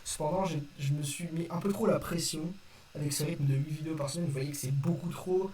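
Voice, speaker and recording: Speaking to his viewers with no script, this young man hesitates, apologizes, and keeps correcting himself. He talks briskly in a voice on the high side with a darkish tone. The recording sounds distant and roomy, with a little background noise.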